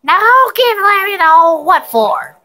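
A young man voicing a small, nervous male mushroom helper in a squeaky, jittery way. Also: sing-song, measured pace, sharp tone, faint music behind, heavily acted.

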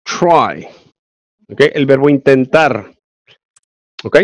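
A man's voice: on the high side, animated, normal speed, no echo. A male English teacher with a Mexican Spanish accent, giving an online class and explaining grammar step by step with frequent check-ins.

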